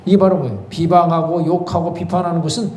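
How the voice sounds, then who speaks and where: A man's voice: on the high side, fairly even intonation, fast, darkish tone, reverberant, slight background noise. A male pastor giving an early-morning sermon, asking rhetorical questions, affirming with repeated "yes", and breaking into fervent prayer. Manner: rises into fervent spoken prayer. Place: church sanctuary.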